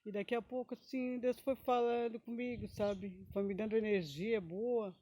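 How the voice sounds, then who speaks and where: A woman's voice: a little high, fairly even intonation, normal speed, warm tone, a little hiss or hum. A woman giving an emotional personal testimony, rambling, often adding tag questions and breaking into short praise exclamations.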